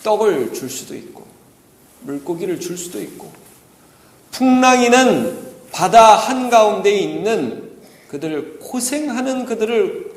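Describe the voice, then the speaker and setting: Man preaching in an echoey church. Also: high-pitched. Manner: asks rhetorical questions, acts out quoted lines. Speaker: pastor. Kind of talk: dawn service sermon. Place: church sanctuary. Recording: echoey church hall with long reverb.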